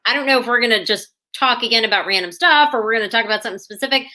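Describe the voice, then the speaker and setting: A woman's voice: fairly high pitch, racing, pushed and bright. A woman in her mid-thirties hosting a casual interview show, bubbly and talkative. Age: 30s. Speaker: show host.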